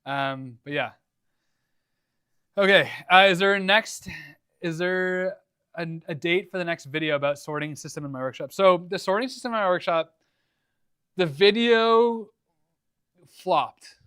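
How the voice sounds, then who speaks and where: Young male streamer, fairly high voice, dry close sound, relaxed and rambling. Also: moderate pace, smooth, dry recording. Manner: laid-back, rambling, lots of likes and ums. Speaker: livestream host. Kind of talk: casual livestream Q&A. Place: home workshop.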